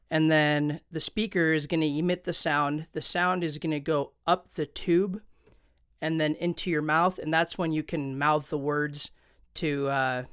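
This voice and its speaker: Here a tutorial host explains things in an informal, chatty way, his voice on the high side, fairly bright, clear, and resonant. The recording is dry, made on a close studio condenser microphone for an instructional video.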